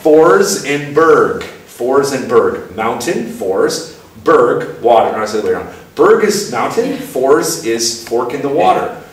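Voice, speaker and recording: Animated man lecturing in an echoey room. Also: mid-range voice, slow, distant mic. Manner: playful, acts out little scenes in put-on voices. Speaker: speaker giving a talk. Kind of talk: lively lecture with acted mini-dialogues. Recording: very echoey room, speaker away from mic, faint noise.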